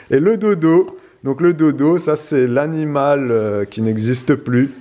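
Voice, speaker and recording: A man's voice: fairly high pitch, slow, warm tone. A man from La Réunion with a Réunion Creole accent, rambling casually through an unboxing for his vlog, full of little fillers. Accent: Réunion Creole French. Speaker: vlog host.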